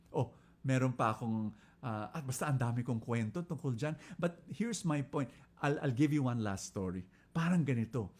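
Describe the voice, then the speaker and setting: A man with a Filipino accent giving an inspirational talk, telling stories with lively jumps in pitch and volume and switching between Filipino and English. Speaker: preacher.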